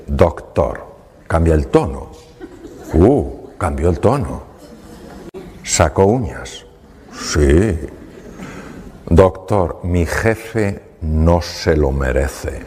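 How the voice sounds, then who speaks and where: A doctor stands on stage in a hall telling a story about a patient, animated and acting out the dialogue. His voice is lowish, and there's a little hiss or hum in the audio.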